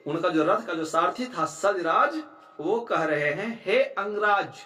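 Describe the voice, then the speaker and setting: A man's voice: high voice, lively intonation, unhurried, bright, forceful tone, echoey room. A man teaching a school textbook chapter, who repeats key lines and keeps checking in with his students. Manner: keeps asking "है ना?", "ठीक है"; repeats lines to drive them home.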